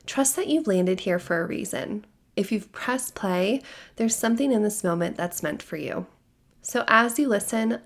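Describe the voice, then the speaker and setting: A woman's voice, hoarse from a lingering cold, with a gravelly, fry-laden edge. She talks softly and steadily, guiding the listener through a soothing spiritual monologue as a podcast host, neither high nor low in pitch. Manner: calm, soothing, measured delivery. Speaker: podcast host sharing channeled messages. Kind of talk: gentle spiritual guidance monologue.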